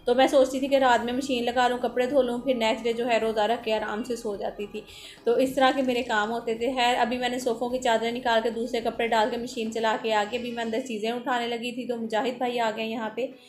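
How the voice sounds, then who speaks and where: A woman, chatting quickly through a voice-over for her home vlog, rambling from one thing to the next. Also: on the high side, little pitch movement. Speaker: vlogger and mother.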